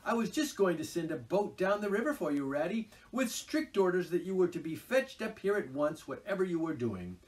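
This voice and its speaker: A man's voice: high-pitched, very animated, brisk, hardly any pauses, distant mic, pitched above the performer's own voice. A man doing a boisterous boastful toad. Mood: delighted. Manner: loud, gushing, exclamatory. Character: boastful rich male toad, boisterous and excitable.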